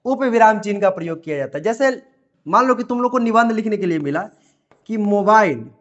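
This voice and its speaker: A man teaches grammar to students. He explains patiently, repeating each point and drawing out his example sentences slowly word by word. The recording is dull and lo-fi. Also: high voice, lively intonation, a bit bright. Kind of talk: classroom lesson explanation.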